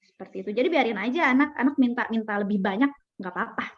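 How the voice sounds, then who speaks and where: A woman's voice: fairly high pitch, fast. A young woman giving a casual parenting talk, chatty, with fillers, acting out child and parent voices. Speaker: parenting speaker. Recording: dull lo-fi recording.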